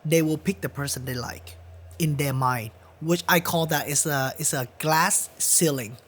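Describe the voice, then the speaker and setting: In a studio podcast interview with a casual feel, a guest musician from Vietnam talks in English, his second language, with a Vietnamese accent. He has a fairly high, fairly bright voice and a slightly slow pace. Earnest and emphatic, he repeats phrases to hammer his points home.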